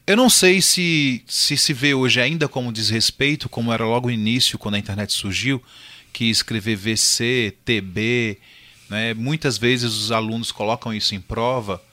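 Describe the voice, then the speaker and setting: A man with a Brazilian Portuguese accent, co-hosting a podcast in casual chat, joking and jumping in with lively remarks. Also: mid-range voice, moderate pace, dry recording. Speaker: podcast co-host.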